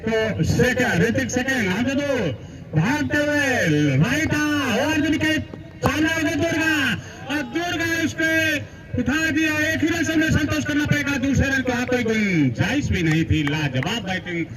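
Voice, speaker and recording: A man commentates live on cricket in a very high voice. He is effusive and keeps repeating stock phrases. A loud crowd is heard behind him. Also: animated, unhurried, rough recording.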